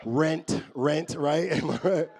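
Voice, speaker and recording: A New York stand-up comedian works a live crowd in an office building, talking loosely and directly to them. His voice is fairly high and darkish, delivered slowly with vocal fry.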